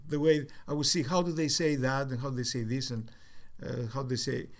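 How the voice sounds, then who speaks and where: A man in his sixties with a faint Cypriot accent, speaking at a middle pitch. He reminisces slowly and thoughtfully, pausing with frequent ums and uhs as he gathers his memories in a relaxed family conversation. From Cyprus. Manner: reflective, halting with many fillers. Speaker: interviewee, father. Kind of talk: casual family interview.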